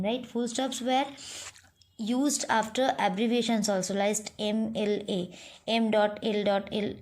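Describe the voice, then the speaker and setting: Indian English teacher, fairly high voice. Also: female voice, darkish tone. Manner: patient, repeats points, frequent "you know" and "right?". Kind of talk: online grammar lesson.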